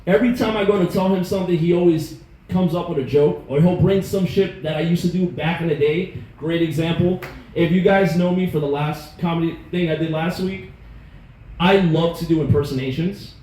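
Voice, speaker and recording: Animated man telling stories on stage. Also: on the high side, brisk. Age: 30s. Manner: animated, profane, self-mocking. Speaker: stand-up comedian. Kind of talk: stand-up storytelling. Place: comedy club stage. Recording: echoey room, faint noise.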